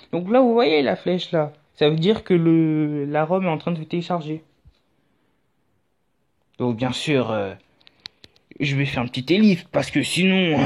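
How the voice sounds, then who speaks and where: A man talking through a casual tutorial in a chatty, rambling way with jokey asides. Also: a little high. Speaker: YouTube tutorial host. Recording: dull lo-fi audio with faint music.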